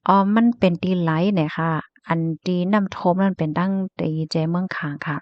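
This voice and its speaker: A woman with a lowish voice talks through the news in a loose, chatty way, filling gaps with little sounds and the odd soft laugh. The recording is dry and a bit muffled. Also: steady tone, fairly quick, dry recording. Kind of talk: casual news chat reading comments.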